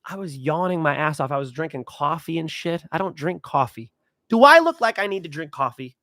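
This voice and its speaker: A young man runs through his fight predictions in a loose, rambling monologue, full of swearing and sudden bursts of excitement. His voice sits high and sounds bright and forceful. The recording is dry and close, with no room sound. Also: brisk, dry recording. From California. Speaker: host.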